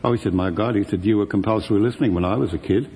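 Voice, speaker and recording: A man's voice: fairly low pitch, rapid-fire, in a large hall, noisy background. An older man, a retired radio presenter telling stories and acting out both sides of old conversations. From Australia. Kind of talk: reminiscing storytelling.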